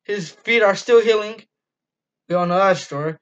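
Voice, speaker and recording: Over dull, lo-fi webcam audio, a teen boy reviews the game casually for his fan channel, talking enthusiastically from a small, dim room with lots of ums and restarts. His voice sits high, fairly bright, at normal speed.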